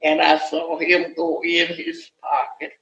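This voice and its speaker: A very old woman recalling childhood memories in a slow, halting archival interview. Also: lowish voice, sing-song, vocal fry, a bit bright, muffled recording, a little hiss or hum. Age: older. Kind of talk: oral history recollection. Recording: echoey archival interview recording.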